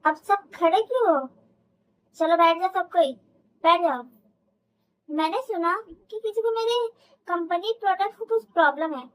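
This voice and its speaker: A woman's voice: extremely high pitch, a little slow, pauses often, rough recording. A woman voicing a bossy young male company boss and doting husband in a fan audio drama. He gives orders bluntly and teases his wife. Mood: commanding.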